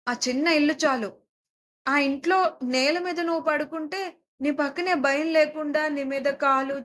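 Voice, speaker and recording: A woman's voice: high voice, a bit bright. A woman voicing a sad young boy who pleads with his older sister in an audio story. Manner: pleading, heartfelt.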